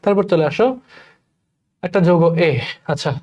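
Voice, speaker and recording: A young man from Bangladesh teaching chemistry in a rushed exam-prep lecture, repeating key terms and calling his students brother. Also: high-pitched, a little mellow. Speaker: chemistry tutor. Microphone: recorded voice-over for class slides.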